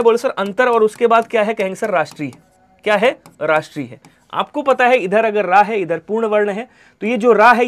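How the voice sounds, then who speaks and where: Hindi teacher drilling exam spelling. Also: male voice, high voice. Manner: repeats answers in imagined student replies, drops to quiet trailing endings. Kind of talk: online exam-prep class.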